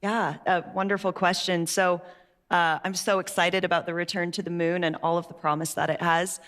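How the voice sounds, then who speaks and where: Young woman panelist, lowish voice. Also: little pitch movement, normal speed, fairly bright tone. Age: young adult. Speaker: panelist, research intern. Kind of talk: panel discussion. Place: conference stage. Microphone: headset.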